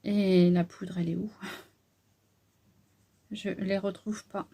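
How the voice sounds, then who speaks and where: A woman's voice: medium pitch, little pitch movement, slow, gravelly, mellow. A middle-aged woman chatting casually through a beauty haul, hesitant and full of fillers. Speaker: beauty vlogger.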